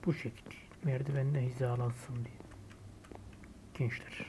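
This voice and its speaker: A Turkish man hosting a casual gameplay video, thinking aloud as he builds and muttering quiet asides to himself. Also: mid-range voice, flat delivery, measured pace, noisy background. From Turkey. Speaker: gaming YouTuber host.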